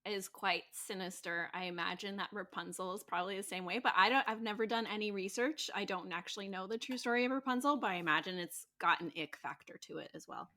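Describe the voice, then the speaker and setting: A woman's voice: medium pitch, fast, hardly any pauses, bright, forceful tone. A woman co-hosting a podcast, chatting casually and reacting playfully with laughs and guesses. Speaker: podcast co-host. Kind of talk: casual chat.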